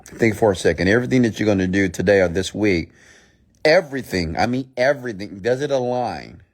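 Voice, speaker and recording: A man with a very low voice delivers a motivational mindset talk. He is blunt and scolding, hammering points home through repetition. Rhetorical questions are thrown straight at his listeners. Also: a little mellow. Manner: emphatic, repeats phrases and poses rhetorical questions. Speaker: motivational speaker and host.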